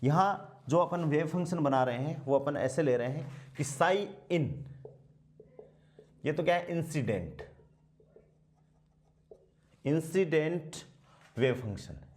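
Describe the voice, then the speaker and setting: Questioning physics teacher, slightly high voice. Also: male voice, expressive, darkish tone. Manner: asks questions and answers them himself, dictates slowly while writing. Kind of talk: blackboard lecture.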